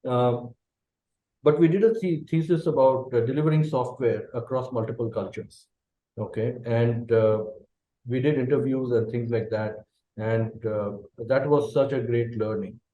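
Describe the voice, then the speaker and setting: Speaking Indian English with a steady, warm mid-range voice, a middle-aged company managing director whose first language is Bengali responds thoughtfully to interview questions and frequently drops in a quick "okay." The room is echoey, the audio dull, with slight background noise.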